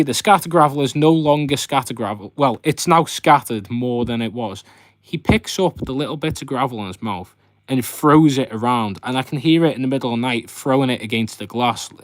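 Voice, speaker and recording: A man with a medium-pitched voice hosts a casual fishkeeping live stream, showing the tanks he keeps. He rambles chattily and speaks straight to his viewers, and there's no echo on the recording.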